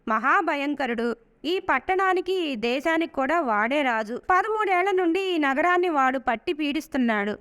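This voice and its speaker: A woman's voice: sits high, fairly bright tone. A woman voicing a poor brahmin father who speaks earnestly and sorrowfully. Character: poor older brahmin man, grieving father.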